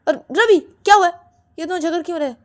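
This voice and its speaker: A flustered young brother who keeps pleading for everyone to calm down and asks again and again what happened, voiced by a woman storyteller. He comes out in a high, raised voice rather than a deep one. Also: normal speed, close to an everyday voice. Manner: pleading, repeats calls to calm down.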